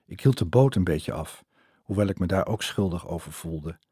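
A man's voice: low voice, lively intonation, normal speed, mellow, slightly rough, no room sound, clean studio sound. A man reading a first-person memoir in a reflective, earnest way. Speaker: narrator.

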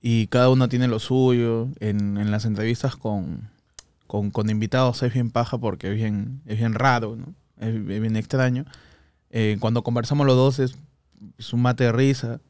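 Brief: Peruvian man, mid pitch, animated storyteller, dry close mic. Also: normal speed, clean tone, dry recording. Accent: Peruvian Spanish. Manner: animated storyteller, mimics others' voices. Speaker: podcast guest. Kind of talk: casual chat.

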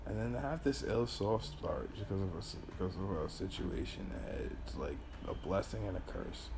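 A man's voice: low voice, normal speed. A man rambling through casual, sweary podcast banter in a loose, giggly way, tripping on mushrooms. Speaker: podcast host. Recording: clearly noisy background ambience.

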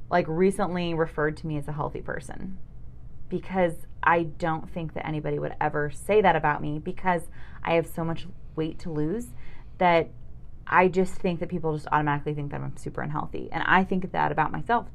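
A young woman with a lowish voice, talking openly about herself in a relaxed podcast chat. She pokes fun at herself and slips into other people's voices when she quotes them. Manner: candid, self-deprecating, acts out quoted voices. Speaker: podcast co-host. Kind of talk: casual chat.

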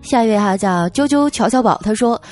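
A woman's voice: a little high, animated, brisk. Playful woman reading listener jokes. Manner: playful, teasing storyteller. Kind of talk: radio-style joke reading. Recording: music bed underneath.

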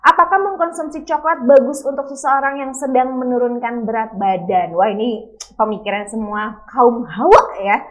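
A woman's voice: on the high side, moderate pace. A woman casually moderating questions as the host of an online event. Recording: dull, lo-fi online call.

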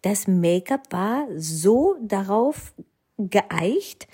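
A woman's voice: medium pitch, very animated, drawn-out words, dark tone, breathy edge, full character voice. A woman voicing her exasperated middle-aged mother lecturing her daughter in a reproachful tone.

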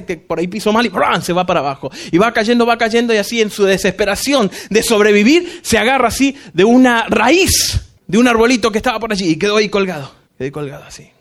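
A male pastor giving an animated sermon, acting out voices and dropping in English phrases. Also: high voice.

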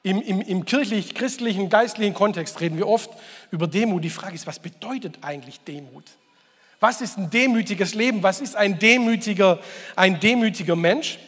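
A man's voice: high-pitched, moderate pace, a bit bright, long reverb tail. A man preaching a Sunday sermon as pastor, talking conversationally, asking the congregation questions and repeating key phrases for emphasis.

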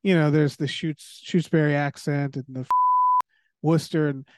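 A man's voice: a little high, steady tone, moderate pace, darkish tone. A man from Western Massachusetts, a podcast guest chatting casually with easygoing, agreeable replies. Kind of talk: casual chat.

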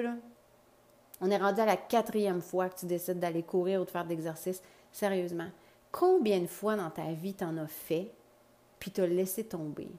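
Middle-aged Quebec French woman, life coach, direct and lively, casual motivational talk. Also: lowish voice. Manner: lively, direct, uses slangy expressions and English words. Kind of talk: motivational podcast monologue.

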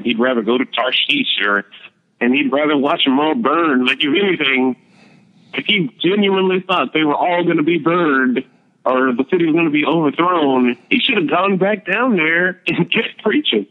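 A man walks through Bible stories in a relaxed podcast chat, explaining each point as he goes. His voice sits a little high. The sound is muffled and lo-fi. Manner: storytelling, explaining, laid-back. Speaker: podcast host. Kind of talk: casual Bible discussion podcast. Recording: dull lo-fi recording.

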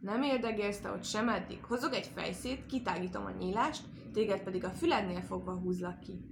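Gruff, scheming storybook fox read by a woman, angry and set on his prey. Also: mid-range voice, noisy background, lightly acted. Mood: determined.

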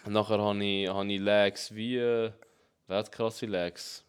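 A young man with a Swiss German accent co-hosting a casual chat, explaining things calmly with hesitant fillers. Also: on the low side, slow pace, clean tone. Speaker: co-host.

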